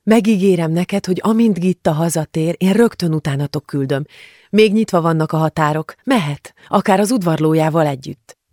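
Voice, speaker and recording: A woman's voice: on the low side, darkish tone, no echo, clean studio sound, close to an everyday voice. A woman voicing a cautious, caring middle-aged neighbor who speaks hesitantly and reassuringly in an audiobook. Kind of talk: audiobook character voice.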